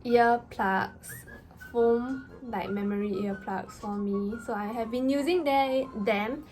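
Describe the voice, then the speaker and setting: A young woman telling a story in a casual vlog rant, with an animated, exasperated, slangy delivery and emphatic stresses. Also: on the high side, takes it slowly. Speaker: vlogger. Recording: music playing behind the voice. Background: background music.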